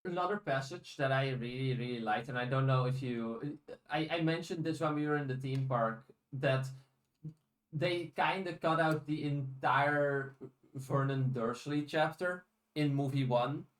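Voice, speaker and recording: On poor, roomy-sounding audio, a man of medium pitch speaks a little slowly as a podcast co-host. The conversation is a casual one about audiobooks, and he tends to repeat words when beginning his sentences.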